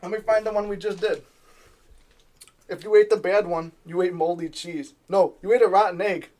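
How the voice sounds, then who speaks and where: A young man with a notably high voice hosts a loose, casual podcast conversation. He jokes around and laughs often between his lines. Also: steady tone, moderate pace, a little mellow. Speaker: podcast host.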